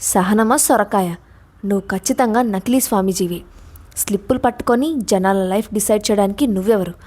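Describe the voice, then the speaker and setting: A woman plays a fiery, blunt young woman in a storybook audio drama, scolding hard and refusing to back down. Her voice sits at an ordinary middle pitch. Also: brisk, a little mellow, lightly acted. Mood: angry. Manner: angry, scolding.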